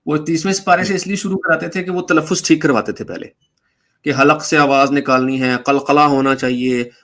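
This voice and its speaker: A man speaking as a guest, casually recounting his own story and re-enacting the conversations in it. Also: fairly high pitch. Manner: animated, re-enacts dialogue while recounting events. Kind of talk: casual spoken storytelling in a debate stream.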